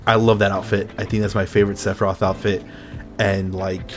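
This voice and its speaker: A laid-back podcast host with a lowish voice chats casually in a loose, rambling way, cursing and laughing often. He speaks briskly with little pitch movement, and faint music plays beneath the talk.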